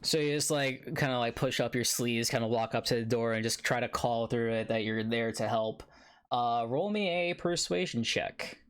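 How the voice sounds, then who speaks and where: A man narrating a tabletop game as game master, relaxed, with many fillers and laughs. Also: medium pitch, moderate pace, clear, resonant tone. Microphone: home mic on a live stream.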